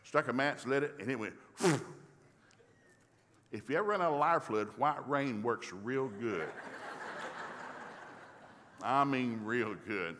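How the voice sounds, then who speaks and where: A middle-aged man preaching in a church, telling a folksy, humorous story and acting out the dialogue in lively voices. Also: medium pitch, a little slow, long pauses, background noise. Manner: folksy, animated, acts out dialogue. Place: church sanctuary. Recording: long reverb of a large hall.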